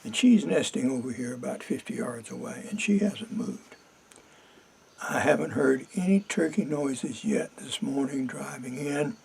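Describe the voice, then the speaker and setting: An older man vlogging quietly from a duck blind while turkey hunting, in a rambling, folksy way. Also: mid-range voice, animated, measured pace, gravelly, husky, poor audio. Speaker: hunter vlogger. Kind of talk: casual outdoor vlog.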